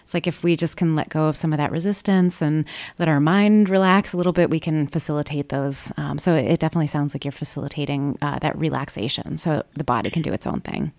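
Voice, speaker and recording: A woman hosting an unscripted interview show, speaking a little haltingly and repeating words as she goes. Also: sits low, darkish tone, no room sound. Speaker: radio show host.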